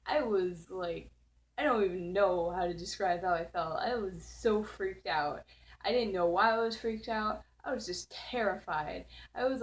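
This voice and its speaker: Telling a spooky tale at home, the teenage host of this channel rambles casually, giggling and saying "like" constantly. She has a mid-range voice, and the low-quality recording carries a bit of faint background noise.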